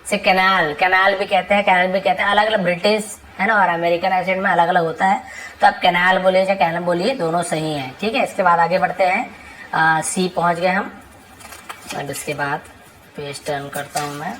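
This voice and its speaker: A woman's voice: fairly low pitch, steady tone, a bit bright, a little hiss or hum, rough recording. A woman teaching English vocabulary, who patiently repeats each word and its meaning. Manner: reads English words slowly and carefully. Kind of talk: reading a word list with Hindi explanations.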